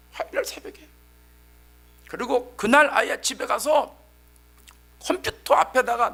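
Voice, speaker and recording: Middle-aged pastor guy preaching, high bright voice, emphatic storytelling, gets loud. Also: vocal fry. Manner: animated storytelling; emphatic, sometimes shouting. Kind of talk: sermon.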